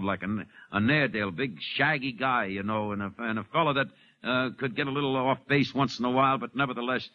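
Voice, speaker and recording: An older man, a former ballplayer turned announcer, recalling anecdotes in a rambling way with many fillers. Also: mid-range voice. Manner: rambling storyteller with frequent "uh" fillers. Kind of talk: anecdotal recollection in an interview. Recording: muffled 1950s radio recording.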